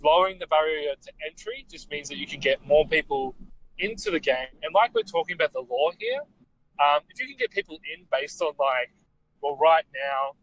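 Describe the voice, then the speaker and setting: Male co-host with a slightly higher voice, hesitant delivery, faint noise behind. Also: very animated, normal speed, a bit bright, rough recording. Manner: thoughtful, hesitant, lots of ums. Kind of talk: casual chat.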